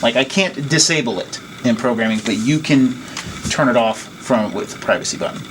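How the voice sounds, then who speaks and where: This technician delivers casual, hands-on staff training at an equipment station indoors, explaining plainly and step by step. He has a medium-pitched voice with lively intonation and a moderate pace, recorded in a noisy room with obvious background noise.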